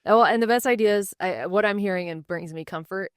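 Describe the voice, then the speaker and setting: A woman co-hosting a podcast, chatting casually with lots of quick agreeing fillers. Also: mid-range voice, clear, resonant tone, dry recording, clean studio sound. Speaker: podcast co-host.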